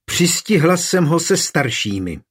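Muž dělající přísnou starou matku. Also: male voice, fairly high pitch, big pitch swings, husky, pitched above the performer's own voice. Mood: firm. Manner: firm, scolding. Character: older woman, stern mother, confiding.

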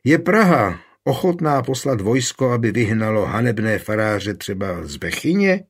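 A man's voice: on the low side, big pitch swings, breathy edge, full character voice. A man reading an urgent, emphatic nobleman calling for armed struggle.

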